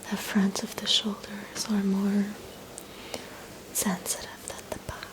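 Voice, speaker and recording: A woman doing a whispered role-play as a spa massage host, speaking in a soft, soothing, gentle whisper. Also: mid-range voice, completely flat delivery, slow, rough recording.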